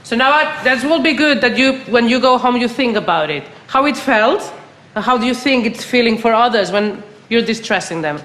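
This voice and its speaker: A woman's voice: fairly high pitch, expressive, normal speed, a bit bright. A woman directing a youth drama rehearsal in a theatre studio, explaining things patiently and firmly to the young performers. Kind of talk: instructing young cast at rehearsal.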